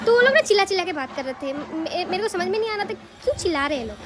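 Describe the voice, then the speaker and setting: A young woman vlogger from Assam, India, with a very high voice, tells a personal story to camera in a chatty, animated way. She often turns to the listener with quick rhetorical asides. A clear hiss of background noise runs through the recording.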